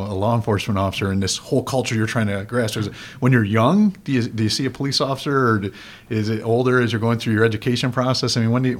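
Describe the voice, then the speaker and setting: Fast-talking low-voiced male host. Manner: warm, enthusiastic, repeats words when excited. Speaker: interview host, police officer. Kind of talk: conversational interview.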